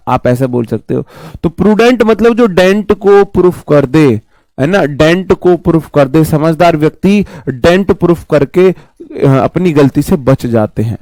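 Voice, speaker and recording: A male coaching teacher with a slightly high, slightly mellow voice and a sore, worn-down throat explains English vocabulary in a chatty class that keeps circling back, repeating himself and calling students "bhai." The recording is dry with the mic placed close.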